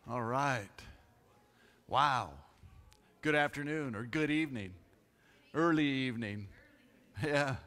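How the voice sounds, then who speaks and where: A man's voice: medium pitch, slow pace, long pauses. Chatty man in a reverberant church. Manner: chatty, animated storyteller who laughs often. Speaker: pastor. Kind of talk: church announcements, casual storytelling. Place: church sanctuary. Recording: long hall reverb.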